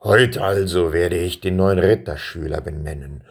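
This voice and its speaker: A man voicing a stern old king who bellows in a deep, gravelly storybook voice. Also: normal speed, full character voice. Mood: booming. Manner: loud, commanding. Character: booming stern old king, secretive father.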